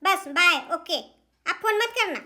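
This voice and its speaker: A woman's voice: extremely high pitch, animated, unhurried, bright, forceful tone, full character voice. A woman voicing a rude, dismissive sister-in-law in a doll drama, curt and snappy.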